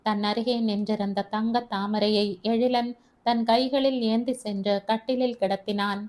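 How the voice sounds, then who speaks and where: A woman reads a family novel aloud with a lyrical, flowing, measured delivery. Her voice sits a little higher than most women's. She paces her sentences like a practiced storyteller. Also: fairly even intonation, a little mellow. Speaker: audiobook narrator. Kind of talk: scripted novel narration.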